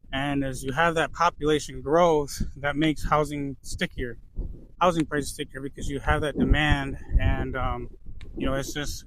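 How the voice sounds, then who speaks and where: A man's voice: a little high, a bit bright, slight background noise, rough recording. A man who works as a real estate agent, walking through market numbers in a casual video with lots of fillers and restarts. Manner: loose, filler-heavy, thinking aloud.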